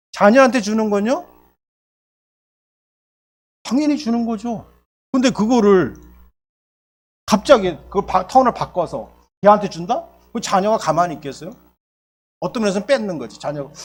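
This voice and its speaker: A male pastor preaching a sermon, talking in an animated way and acting out the lines of Bible characters. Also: high-pitched.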